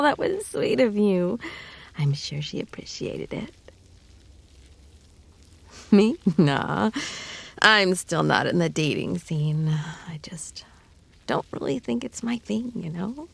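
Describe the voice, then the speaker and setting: A woman plays a playful, affectionate snake-woman in an intimate roleplay audio, teasing and cozy, often dropping into breathy whispers. Her voice is low and exaggerated, and the mood feels friendly and reflective.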